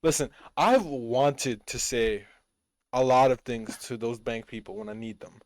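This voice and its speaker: A man's voice: mid-range voice, measured pace, no room sound. A man co-hosting a podcast in casual chat, blunt and swearing freely. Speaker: podcast co-host.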